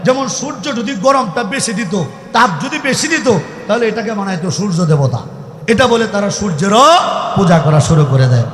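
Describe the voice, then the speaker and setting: High-voiced preacher guy from mymensingh, shouting at the crowd, big echoey hall. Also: lively intonation, moderate pace. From Mymensingh region, Bangladesh. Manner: shouting, call-and-response questions to the audience. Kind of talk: Islamic sermon to a crowd.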